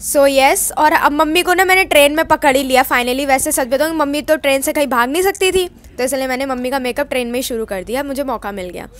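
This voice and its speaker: A woman's voice: high-pitched, quick pace, hardly any pauses, a bit bright. A young woman vlogger narrating her video in a chatty, casual way, mixing in English words. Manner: chatty, mixes Hindi with English words, many fillers.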